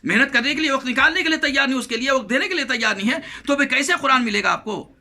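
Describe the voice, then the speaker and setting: A man delivers a Ramadan sermon in a very high, piercingly bright voice. He scolds and exhorts his listeners, repeating lines for emphasis. When he quotes scripture, he slows into a drawn-out, melodic recitation. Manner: recites Quranic verses slowly and melodically. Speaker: preacher.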